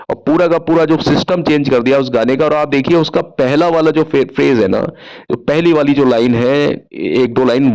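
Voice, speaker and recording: A male host tells a story in a relaxed, conversational way. His voice sits at an ordinary middle pitch. He keeps throwing in little questions and asides to the listener. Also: gravelly, poor audio. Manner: chatty, asks himself rhetorical questions; frequent asides asking listeners to agree. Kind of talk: storytelling film-music talk.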